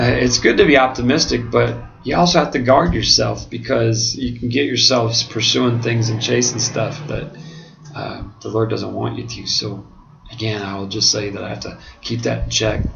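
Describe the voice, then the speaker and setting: An American man speaking earnestly and haltingly in a reflective monologue, his mouth swollen after oral surgery as if numb from the dentist. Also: mid-range voice. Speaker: pastor and seminary student. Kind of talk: reflective monologue to camera, answering questions. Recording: dull lo-fi home video, clearly noisy.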